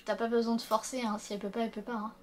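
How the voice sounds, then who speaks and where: A woman's voice: a little high, little pitch movement, racing, a little hiss or hum. A young adult woman chatting through a story game as host, slangy and full of fillers, reading the characters' lines aloud along the way. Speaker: let's-play host. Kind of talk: casual gaming commentary.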